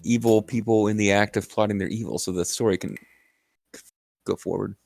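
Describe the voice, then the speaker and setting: A man's voice: on the low side, fairly even intonation, brisk, creaky, a little mellow, soft background music. A man giving casual gameplay commentary with sarcastic jokes and frequent laughter. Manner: sarcastic, joking, laughs often. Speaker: co-host of a gameplay video.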